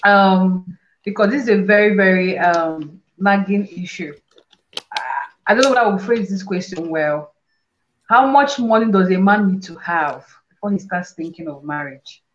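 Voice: mid-range voice, moderate pace, highs cut off. A conference interviewer asking questions with hesitant fillers.

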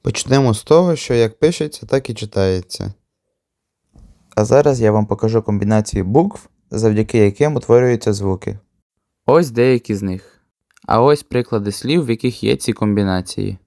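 A man teaching a language lesson on video, explaining calmly and patiently. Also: lowish voice, moderate pace, creaky, no echo, clean studio sound.

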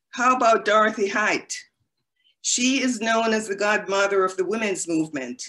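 An older woman delivering a read sermon from a home office, speaking in a measured, earnest and deliberate way into a laptop webcam. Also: medium pitch, fairly bright tone. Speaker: lay preacher. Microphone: laptop webcam video call.

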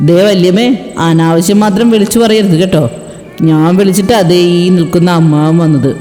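A woman's voice: on the low side, fairly even intonation, brisk, warm tone, lightly acted. A woman voicing a frightened young woman who pleads tearfully, read over music in an echoey space. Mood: defiant. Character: frightened young woman begging for her father. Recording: echoey reverberant room with music.

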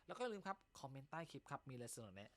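A man's voice: mid-range voice, sing-song, racing. A male comedy host telling jokes in casual chat, teasing banter full of crude slang.

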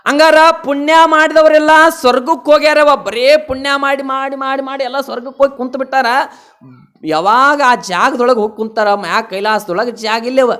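Older male preacher with a very high voice and a North Karnataka accent, delivering a folksy sermon full of questions to the crowd. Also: a bit bright. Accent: North Karnataka Kannada. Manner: folksy, asks the audience questions. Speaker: pravachan preacher.

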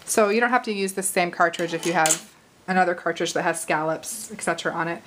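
A woman in her thirties hosting a casual crafting tutorial, chatty and a little hoarse, with apologetic asides while she works at arm's length from the camera. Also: fairly low pitch, steady tone, fast, a bit bright, a little hiss or hum, rough recording. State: slightly hoarse, losing her voice. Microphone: camera at arm's length over the craft table.

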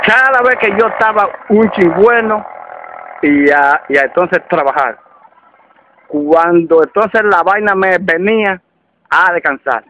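A man with a Dominican accent telling a comic story casually, halting and repeating words as he goes. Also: sits high, animated, pushed and bright, dull audio, slight background noise. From Dominican Republic.

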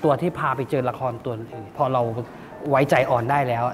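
A man who directs a series, chatting in an interview and telling lively behind-the-scenes stories. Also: mid-range voice, brisk. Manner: animated storytelling, acts out quotes. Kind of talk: casual interview chat. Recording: reverberant studio with background music.

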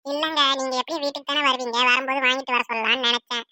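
Woman voicing a high, fast-talking cartoon wife. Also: fairly even intonation, sharp tone, no room sound, studio quality. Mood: nagging. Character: fussy, anxious young wife.

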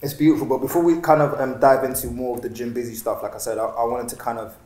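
A man's voice: mid-range voice, steady tone, quick pace, a little mellow. A man hosting a casual podcast interview, asking long, looping questions with repeated words. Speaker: podcast host. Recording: roomy studio with faint hiss.

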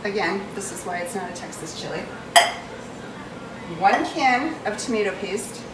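A woman in her forties with a New England accent hosts a cooking video from her home kitchen, joking at her own expense and chatting as she stirs and pours her way through a chili recipe. Her mid-range voice is expressive and moves at a normal speed. A distant tripod camera picks up roomy kitchen sound with heavy background noise, including food sizzling in a pan.

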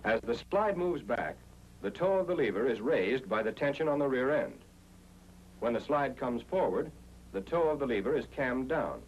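An American man narrates a 1940s-style military training film, walking through each step methodically. His medium-pitched voice is animated and moves at normal speed, with lo-fi sound over a noisy, humming period soundtrack.

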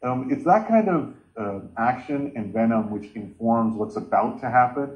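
A man's voice: medium pitch, lively intonation, normal speed. A man in his forties chairing an online meeting from a home room, talking earnestly and gesturing with his hands. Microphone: video call. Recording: dull lo-fi sound from a laptop.

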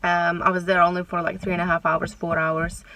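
A woman's voice: fairly low pitch, level tone, brisk, bright, forceful tone, recorded from a distance, slight background noise, low-quality recording. A young woman vlogging in a chatty, upbeat way, filling her talk with "like" and "um". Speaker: fishing vlogger. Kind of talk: casual vlog talk.

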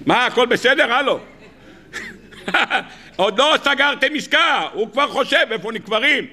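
Male rabbi, sermon, high voice, sharp bright tone, rhetorical questions, mock incredulity. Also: lively intonation. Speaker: rabbi giving weekly Torah sermon. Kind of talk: lively sermon to an audience. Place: lecture hall with live audience.

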